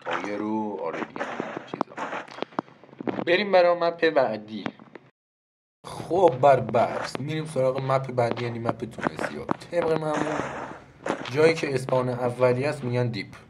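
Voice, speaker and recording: A Persian-accented man casually explaining game map callouts, thinking aloud with pauses and self-corrections, over game audio with clicking. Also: medium pitch, expressive, heavy background noise. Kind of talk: casual gameplay walkthrough.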